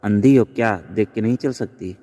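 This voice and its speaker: A man's voice: fairly low pitch, moderate pace, warm tone, lightly acted. A man voicing a rude, irritated young father who snaps at people. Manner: snapping, irritated. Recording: long reverb.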